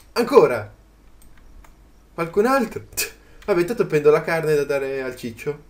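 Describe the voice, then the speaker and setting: A man giving casual commentary as he plays a video game, chatty and quick to yelp in surprise. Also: mid-range voice, a little mellow. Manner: chatty, jumps to startled yelps at the game. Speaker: gaming channel host. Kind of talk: let's play commentary.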